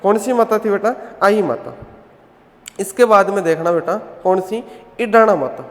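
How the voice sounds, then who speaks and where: Male coaching-class teacher, higher pitch, repeats questions for the class, echoey hall recording. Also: normal speed. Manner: drills students with repeated questions and answers; addresses students as "beta". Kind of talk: online coaching class lecture.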